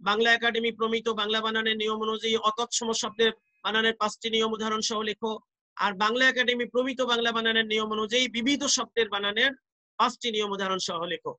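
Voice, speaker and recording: A male teacher with a Bangladeshi accent gives an online class, explaining slowly, repeating examples and asking rhetorical questions. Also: high voice, little pitch movement, sharp tone, rough recording.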